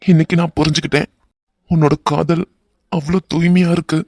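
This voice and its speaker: A man voicing a young husband in an animated romance, earnest and bantering in a Kanyakumari Tamil accent. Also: a little high, a little fast, dry recording, clean studio sound. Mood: earnest musing.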